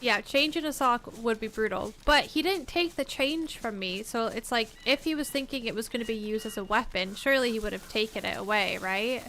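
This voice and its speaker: A woman's voice: fairly high pitch, brisk, hardly any pauses, bright, forceful tone, a little hiss or hum. A woman livestreaming a game, chatting casually and talking to viewers and teammates by name. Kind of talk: casual gameplay chat while reading chat.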